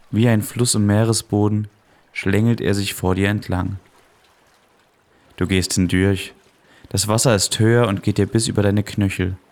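A man softly and calmly narrating a guided meditation in a soothing manner, as the host of a relaxation podcast. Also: on the low side.

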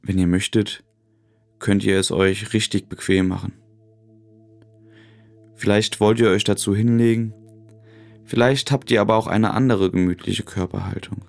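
Calm low-voiced man guiding relaxation. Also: vocal fry, faint music behind. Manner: calm, gentle, soothing delivery with long pauses. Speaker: podcast host. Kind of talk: guided relaxation meditation narration.

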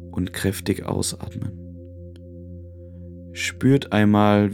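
A man narrating a guided relaxation in a calm, gentle, soothing way, with long pauses. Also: on the low side, creaky. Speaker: podcast host.

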